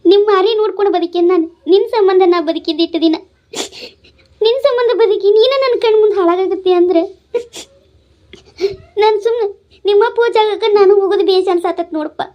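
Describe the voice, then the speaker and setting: A woman's voice: high voice, rapid-fire, highs cut off, lightly acted. A woman voicing an older widowed village mother who scolds and pleads with her drinking son, in a North Karnataka Kannada accent. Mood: tearful. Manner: nagging, pleading, tearful.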